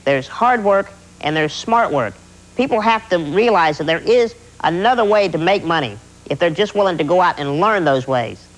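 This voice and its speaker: A young man talks as a testimonial guest in an earnest, motivational way. His voice is notably high for a man. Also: animated, moderate pace, poor audio. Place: indoors, seated on a sofa.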